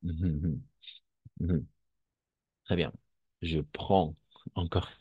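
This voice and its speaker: Slow, deep-voiced male French teacher. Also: fairly even intonation, husky, dry recording, phone-quality sound. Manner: slow, patient, repeats phrases and switches to Spanish. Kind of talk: online French lesson for Spanish speakers.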